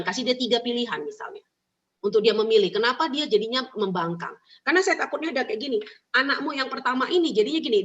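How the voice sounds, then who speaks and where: A woman giving parenting advice in an emphatic, animated way, repeating her key points. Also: fairly high pitch. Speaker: parenting speaker. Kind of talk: advice talk answering questions. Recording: muffled lo-fi recording.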